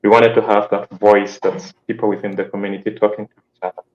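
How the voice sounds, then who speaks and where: A man's voice: fairly low pitch, level tone, fast talker, darkish tone. A man from Uganda, explaining his project as a panel guest over a video call, with frequent "um". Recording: dull lo-fi call audio.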